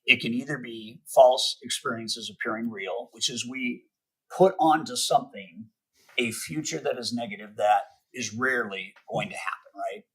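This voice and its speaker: A middle-aged man giving motivational sales advice as a podcast guest, speaking emphatically and slowing down to stress his key points. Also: mid-range voice, husky, low-quality recording. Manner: emphatic, spells out acronyms slowly, acts out sample calls. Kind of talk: podcast interview, motivational teaching.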